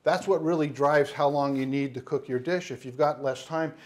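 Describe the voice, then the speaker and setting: The voice is on the high side yet darkish in tone, with fairly even intonation and a moderate pace. It's a spice shop owner in his fifties giving a loose cooking demo in an indoor studio kitchen set on a lapel mic, rambling with lots of fillers and restarts.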